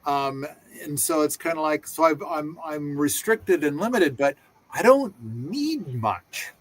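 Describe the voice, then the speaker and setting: Slow-talking enthusiastic man, dry close sound. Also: on the high side, animated, dry recording. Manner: enthusiastic, rambling with many restarts. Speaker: host. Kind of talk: casual panel discussion.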